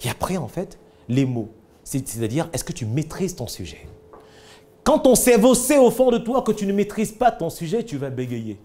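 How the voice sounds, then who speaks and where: A man teaching public speaking, emphatic and lively, acting out examples and asking the audience rhetorical questions. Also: fairly high pitch, normal speed.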